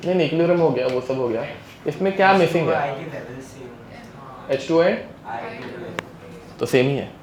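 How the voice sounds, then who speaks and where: Give me a relaxed male teacher in an echoey classroom. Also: mid-range voice. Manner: casual, mixing English terms into Hindi, keeps checking students follow. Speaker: chemistry teacher. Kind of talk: live classroom lecture. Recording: echoey classroom with faint ambience.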